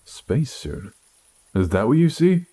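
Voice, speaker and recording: An actor playing a mysterious, calm astronaut who speaks softly and from a distance in a horror story. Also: male voice, slow pace, slightly rough, exaggerated voice. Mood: calm, puzzled. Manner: soft, low and distant. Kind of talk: audio drama acting.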